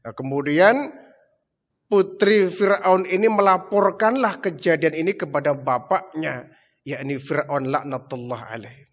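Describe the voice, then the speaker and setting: A man's voice: a little high, a little slow, muffled recording. A male preacher telling a religious story dramatically, acting out the dialogue. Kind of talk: sermon storytelling. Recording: long hall reverb.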